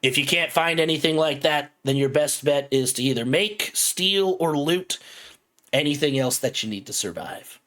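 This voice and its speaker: A game master doing a gruff lizardfolk captain. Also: mid-range voice, moderate pace, fairly bright tone, lightly acted. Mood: bored gruff. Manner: grumbling, cursing, impatient.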